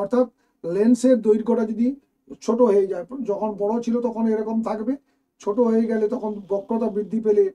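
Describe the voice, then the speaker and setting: A man's voice: high voice, dark tone. A man teaching a lesson, working through exam questions step by step and speaking directly to his students. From West Bengal, India.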